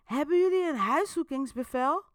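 A strange, jittery man speaks up to the police , played by a woman. His voice is raised and pleading, bright and edgy. The sound is dry and close. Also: very high voice, expressive, moderate pace, no echo, pitched above the performer's own voice. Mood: defiant.

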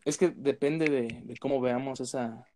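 A man's voice: medium pitch, fairly even intonation, a little slow, darkish tone, a little hiss or hum. A man in a casual discussion who hesitates and restarts often, his voice breaking up over a bad call connection. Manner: hesitant, many fillers and restarts. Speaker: discussion participant. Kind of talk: casual chat, explaining.

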